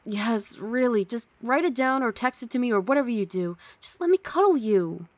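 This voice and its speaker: A woman with a slightly mellow, high-leaning voice and lively intonation talks at a moderate pace, sounding close to her everyday self. Dry and close on a studio mic, she acts out an intimate one-sided ASMR scene as a young roommate who is huffy, sardonic and teasing, yet clearly affectionate beneath the grumpiness.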